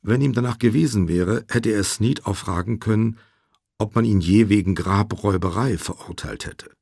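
A man narrating an audiobook in a measured, expressive storytelling manner. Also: fairly low pitch, creaky, dry recording, studio quality.

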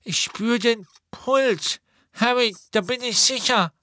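A stubborn, clumsy teenage boy with a bloody nose speaks high and strained, stretching his words slowly and pleadingly. His voice sits far above the reader's own. The sound is close and dry. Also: bright, forceful tone, dry recording, heavily acted. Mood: anxious.

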